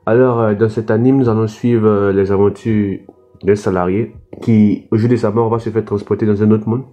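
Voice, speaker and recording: A man's voice: fairly low pitch, fairly even intonation, normal speed, dark tone, faint music behind. A young French man reviewing anime casually, hesitant, with frequent fillers and restarts. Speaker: anime YouTuber.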